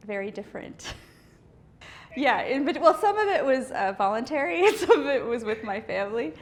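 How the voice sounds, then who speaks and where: A woman's voice: mid-range voice, a little hiss or hum. A woman artist from the US East Coast in a casual interview, talking thoughtfully with many fillers, restarts and light laughs. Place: indoor art studio.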